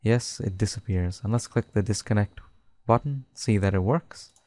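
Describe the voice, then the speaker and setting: A man narrating a screen-recorded coding tutorial, dictating code slowly and step by step. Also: fairly low pitch, warm tone, no echo. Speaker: tutorial host.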